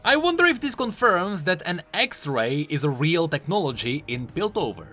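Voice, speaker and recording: This male host's scripted commentary on a game's voice lines plays with music behind it. He speaks at a normal speed in a bright, fairly high voice whose pitch leaps around very animatedly between phrases.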